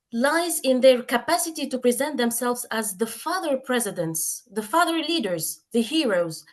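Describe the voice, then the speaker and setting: A woman from Tunisia, a researcher, giving a remark at an academic panel over a video call, speaking in measured phrases with many fillers. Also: on the high side.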